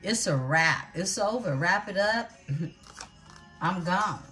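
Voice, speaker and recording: Slow, low-voiced woman reading tarot. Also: animated, pushed and bright, faint music behind. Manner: slow, unhurried, talks to viewers as beautiful ones. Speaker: tarot reader.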